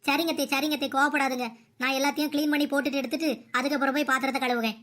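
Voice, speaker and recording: A woman's voice: high voice, flat delivery, racing. A woman voicing a patient, submissive young daughter-in-law in a cartoon comedy. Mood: apologetic. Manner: soft, apologetic, pleading.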